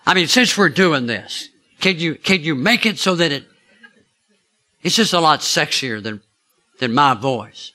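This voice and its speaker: A man's voice: fairly high pitch, lively intonation, unhurried, pauses often, bright, forceful tone. A man preaching, telling a personal story in a chatty way and asking his listeners questions. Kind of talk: storytelling sermon.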